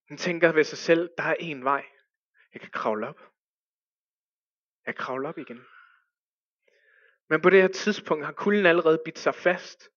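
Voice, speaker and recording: Man telling a hushed, dramatic story. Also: high-pitched, dry recording, lo-fi sound. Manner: hushed dramatic pauses, voice rising to urgent cries.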